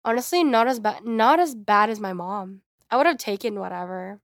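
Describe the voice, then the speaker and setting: A young woman hosting her podcast, telling a personal story in a chatty, animated way. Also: medium pitch, moderate pace, no room sound, studio quality. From United States. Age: young adult. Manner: chatty, frequent "like", animated quoting. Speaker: podcast host. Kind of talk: casual storytelling monologue.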